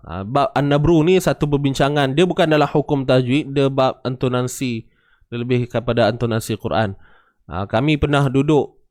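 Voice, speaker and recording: A man's voice: medium pitch, darkish tone. A man with a Malaysian Malay accent teaching Quran recitation in a casual lesson, often checking that listeners understand and chanting examples.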